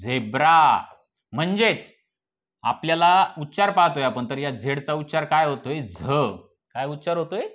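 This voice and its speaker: A man's voice: a little high, animated, moderate pace, fairly bright tone, highs cut off. A male teacher with a Marathi accent giving a phonics lesson, spelling words out letter by letter and asking and answering his own questions.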